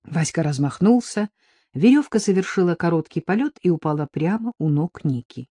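Lady reading an audiobook, lowish dark voice, dry. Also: moderate pace, slightly rough, dry recording. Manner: steady storytelling, voices the characters. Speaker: audiobook reader. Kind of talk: scripted narration.

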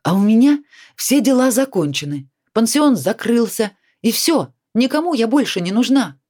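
A woman's voice: fairly high pitch, animated, measured pace, darkish tone, voice pushed up. A woman reading a storybook voices a drunk, despairing 42-year-old woman who whines and pleads. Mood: defensive. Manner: whiny, pleading, self-pitying.

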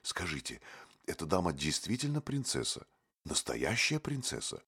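A man voicing a naive, fawning young male poet who talks in a gushing, drawn-out way. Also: on the low side, animated, pitched above the performer's own voice. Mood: hushed.

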